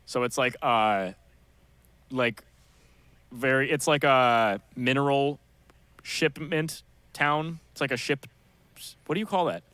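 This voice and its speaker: Slangy young Minnesotan man, bright voice. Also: medium pitch, takes it slowly, pauses often, clean tone, no room sound. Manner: laid-back, slangy, swears often. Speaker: musician guest. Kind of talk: casual chat.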